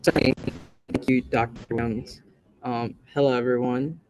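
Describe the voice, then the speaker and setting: A man's voice: mid-range voice, little pitch movement, a little slow, darkish tone, slight background noise, low-quality recording. A young man from El Salvador, a college student, reading prepared testimony at a meeting. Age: young adult. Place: meeting room.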